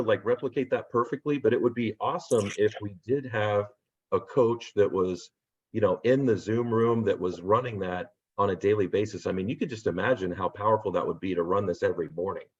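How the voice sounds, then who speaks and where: A man hosting a real estate agent training on a video call, upbeat and rambling, losing his voice and clearing his throat. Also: on the low side, darkish tone. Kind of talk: casual video call pep talk. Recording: dull lo-fi video call audio.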